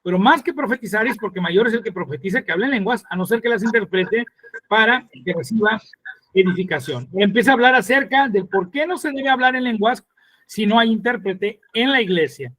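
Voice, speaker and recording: High-voiced man preaching. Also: expressive, a bit bright, no echo. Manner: earnest, explains slowly with pauses; mimics mocking voices in a higher pitch. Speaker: pastor. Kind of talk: sermon teaching.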